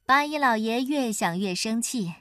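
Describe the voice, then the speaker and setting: A woman narrating a children's folk tale in an expressive storytelling manner. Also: fairly high pitch, moderate pace, dry recording, studio quality.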